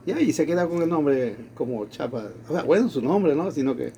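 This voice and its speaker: Lively man telling a story. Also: a little high, moderate pace, a little hiss or hum. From Latin America. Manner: animated, acts out quoted dialogue. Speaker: storyteller in conversation. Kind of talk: casual storytelling.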